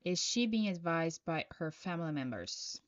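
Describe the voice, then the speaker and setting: A Brazilian woman reads tarot on a live stream in English, her second language, with a Brazilian Portuguese accent. She reads viewers' questions aloud and answers unhurriedly and haltingly in a low, expressive voice, with no room sound and dull audio.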